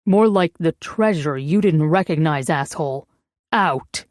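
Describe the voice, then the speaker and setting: A woman reads a big, dour man in an audiobook. He threatens coldly in a lowered voice at a slow pace. The sound is dry and close. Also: expressive, darkish tone, dry recording. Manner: cold, low, threatening.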